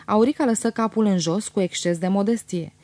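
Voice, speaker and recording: A woman narrating a literary audiobook in a measured, expressive way. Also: medium pitch, no echo.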